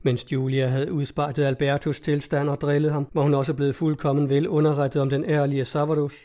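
Man reading an audiobook, measured and even, mellow voice pitched a bit high. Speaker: audiobook narrator. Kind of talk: storybook narration.

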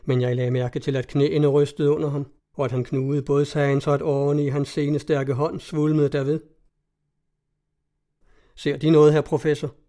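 A man narrating a classic story in a measured storytelling manner. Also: fairly high pitch, flat delivery, dark tone. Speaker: audiobook narrator. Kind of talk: scripted narration of a classic tale.

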